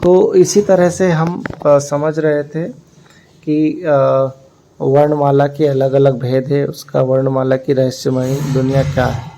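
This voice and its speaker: Slow, gravelly man teaching grammar. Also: a little high, level tone, mellow, poor audio. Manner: halting, many "a" fillers, spells out sounds one by one. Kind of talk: slow explanatory lesson.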